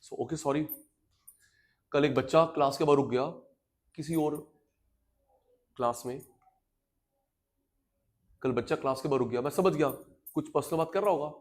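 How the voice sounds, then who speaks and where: A man teaching a class, telling stories to his students and then lecturing loudly and with emphasis. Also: fairly high pitch, normal speed, long pauses. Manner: animated, addresses students directly, swings from quiet storytelling to loud emphasis.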